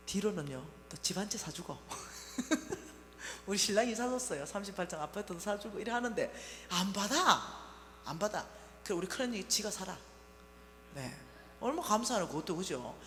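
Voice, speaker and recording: A middle-aged woman with a Gyeongsang Korean accent preaches a testimony and tells her story with vivid energy. Her voice moves widely up and down. It carries a long reverb in a church hall over a faint hum. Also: mid-range voice. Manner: lively, animated storytelling with dialect. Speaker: lay minister at a revival meeting. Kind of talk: sermon testimony.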